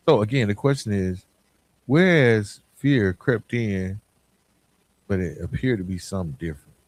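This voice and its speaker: A dry recording captures an American podcast host whose voice sits on the low side. He speaks informally and motivationally, turning to the listener directly with rhetorical questions.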